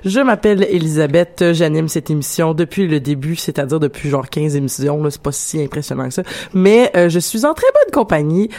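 A woman's voice: low voice, lively intonation, fairly quick, warm tone. A young woman with a Québécois accent hosting a casual radio talk show, chatty and laughing, with frequent restarts. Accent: Québécois French.

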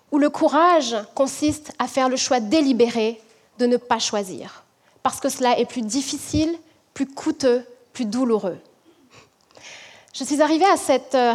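A woman from French Guiana, a management professor, giving a measured, reflective prepared talk to an audience. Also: high voice, a little mellow.

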